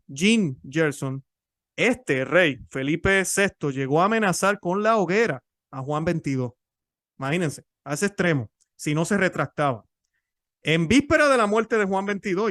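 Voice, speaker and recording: A man's voice: on the high side, fairly bright tone, dry recording, clean studio sound. A man explaining church history in a teaching talk, often repeating and restarting words.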